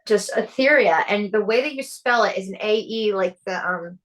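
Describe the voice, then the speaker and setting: A woman's voice: mid-range voice, normal speed. A woman who plays in a band, chatting enthusiastically as an interview guest and recommending things to the listener. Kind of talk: casual chat.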